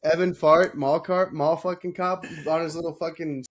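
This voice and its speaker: Frat bro dude on a sports podcast, bit higher pitched, swears a lot, super slangy. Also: male voice, fairly even intonation, normal speed, a crowd in the background. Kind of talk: casual sports banter.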